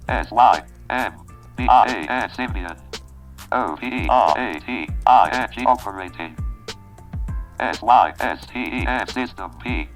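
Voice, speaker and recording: A robotic synthesized male screen-reader voice, clipped and flat, spelling out typed letters one by one. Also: fairly low pitch, measured pace, pauses often. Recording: distant computer speaker, faint music behind.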